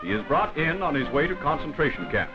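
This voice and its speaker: Delivering formal, dramatic 1940s wartime newsreel narration from a script, this man talks fast in a fairly high, sing-song voice. Loud background music plays over a dull vintage film soundtrack from the 1940s.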